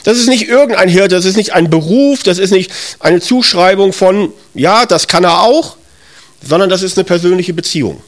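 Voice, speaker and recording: Middle-aged male preacher, slightly high voice, chatty sermon style, asks the congregation questions. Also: fairly quick. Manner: conversational, addresses listeners directly, with self-corrections. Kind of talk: sermon with Bible reading.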